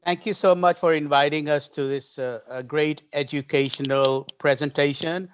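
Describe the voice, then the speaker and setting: A man's voice: a little high, steady tone, moderate pace, a little hiss or hum. A man who grew up in Pakistan and Britain speaks as a podcast guest, earnest and often hesitating. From Pakistan, raised in Britain. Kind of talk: conversational panel talk. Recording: dry, dull lo-fi audio.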